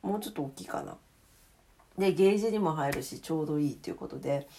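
A woman's voice: deep voice, expressive, quick pace, gravelly, warm tone, a little hiss or hum. A woman hosting a casual late-night solo audio diary, speaking in a polite, chatty, self-deprecating way. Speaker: solo audio diary host, radio-DJ style greeting.

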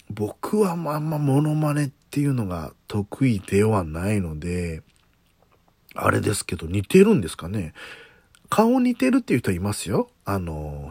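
A man's voice: on the low side, darkish tone, dry recording. A man hosting a casual solo talk show, chatting and musing aloud while asking listeners what they think. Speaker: podcast host.

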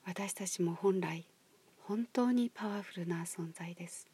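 Woman guiding a meditation; husky, whispery, unhurried voice. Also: fairly low pitch. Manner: soft, slow, breathy near-whisper. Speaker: meditation guide. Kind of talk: guided meditation. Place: outdoors at a highland marsh.

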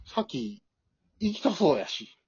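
A woman's voice: low voice, very animated, slow, darkish tone, slightly rough, no echo, heavily acted. A woman voicing a timid, grumbling elderly husband with a Kansai accent in an amateur radio drama, whiny and easily scared. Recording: dull dry lo-fi recording.

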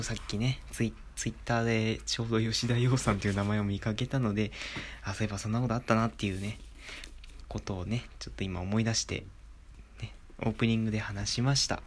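A young man hosting his own talk show, speaking quietly at home into a phone mic in a relaxed, chatty way. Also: slight background noise. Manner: hushed, low-volume talk with soft laughs and filler. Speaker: podcast host. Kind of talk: casual solo talk. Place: inside his home, alone. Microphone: phone microphone.

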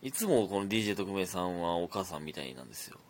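A man's voice: deep voice, very animated, rapid-fire, slight background noise. A young man with a Kansai accent hosting a casual solo podcast, chatting and reading listener messages aloud. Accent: Kansai Japanese. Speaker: podcast host.

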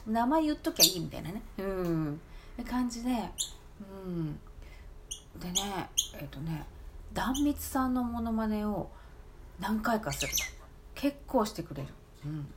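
Chatty laughing woman, lively pitch. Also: normal speed, very noisy. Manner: chatty, laughing, lots of fillers and asides. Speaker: talk app streamer. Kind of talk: casual monologue.

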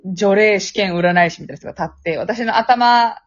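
A woman's voice: medium pitch, normal speed. A young woman with a Kansai accent, chatting casually on a podcast and telling a spooky story, laughing often. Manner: chatty, laughs often, acts out phone voices. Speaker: podcast co-host. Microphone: app recording over phone. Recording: dull lo-fi app recording.

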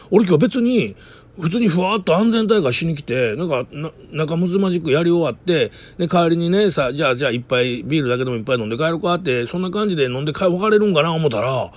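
A man with a Kansai accent telling a comic story in an excitable, stumbling monologue as a podcaster. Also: a little high, husky. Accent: Kansai Japanese. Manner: excitable, animated, stumbling retelling. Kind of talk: casual comedic storytelling monologue.

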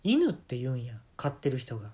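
A man's voice: mid-range voice, huge pitch swings, a little fast, warm tone. A man with a Kansai accent telling a rambling, offhand comic monologue. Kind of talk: solo comedic monologue.

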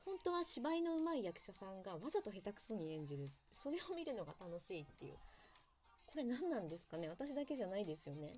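A young woman talks on her own in a casual, chatty way, poking fun at herself as she goes. Her pitch swings widely and stays animated. Soft music sits faintly in the background. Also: fast. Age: young adult. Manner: chatty, self-deprecating, lively asides. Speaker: podcast host. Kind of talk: casual solo talk about a TV drama.

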